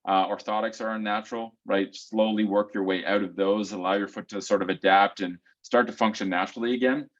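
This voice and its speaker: Man, low voice, casual Q&A co-host, explanatory, says "right?" a lot, dull lo-fi video call audio. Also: steady tone, brisk, hardly any pauses. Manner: explains step by step, keeps checking in with "right?" and "um". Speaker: co-host of a foot health community call.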